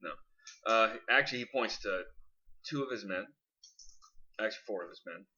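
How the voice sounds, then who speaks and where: Bright-toned man running a tabletop game. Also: fairly low pitch. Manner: halting, improvised narration. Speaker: game master. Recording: dull lo-fi recording.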